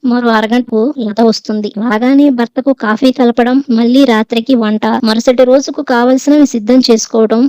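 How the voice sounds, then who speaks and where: Woman reading a story, smooth voice. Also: fairly high pitch, warm tone, dry recording, rough recording. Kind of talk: scripted story narration.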